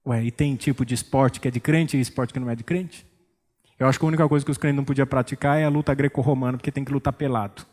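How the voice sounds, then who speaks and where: A man with a Brazilian Portuguese accent preaching an expository sermon as pastor, calm and joking, acting out church members. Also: on the high side, big-room sound. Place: church sanctuary.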